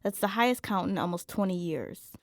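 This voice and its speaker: A woman co-hosting a public radio podcast, narrating a script in a measured, clear way. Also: fairly low pitch, animated, no room sound. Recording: dry studio with faint music bed.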